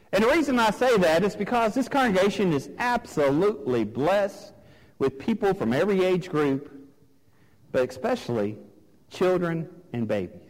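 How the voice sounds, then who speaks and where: A man's voice: high-pitched, in a large hall, rough recording. A man preaching a sermon to his congregation in an emphatic, repetitive cadence. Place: church sanctuary.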